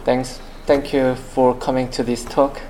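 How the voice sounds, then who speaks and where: A man's voice: mid-range voice, flat delivery, unhurried, dark tone, slight background noise, rough recording. A man opening a conference talk, hesitant, with many fillers. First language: Korean. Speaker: conference speaker. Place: conference room.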